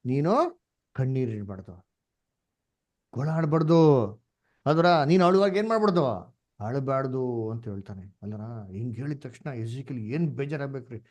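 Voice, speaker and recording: A man with a Kannada accent leads an online Bible study, his pitch in the middle range. He talks animatedly, keeps asking questions, and mixes English words into his explanations. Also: a little mellow. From India. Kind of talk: interactive Bible class in Kannada. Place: online class.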